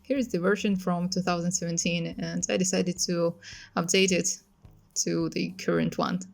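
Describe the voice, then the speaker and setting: A young woman from northeast Russia with a Russian accent, talking casually over a speedpaint video, unhurried, with pauses and fillers. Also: fairly low pitch, fairly even intonation, vocal fry. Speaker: artist. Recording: music playing softly behind. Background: faint music.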